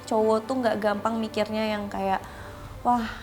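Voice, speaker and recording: A young woman talks as a guest in a relaxed interview, her voice a little higher than most. She tells her story with energy and jumps up sharply in pitch when she acts out what others said. Soft music plays behind her. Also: moderate pace.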